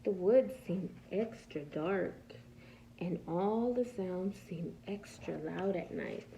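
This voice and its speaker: A woman reading a picture book aloud as a preschool teacher, pausing to ask small children simple questions and patiently explaining the answers. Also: fairly low pitch, vocal fry, a little hiss or hum, low-quality recording. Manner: animated, asks simple questions and answers them herself.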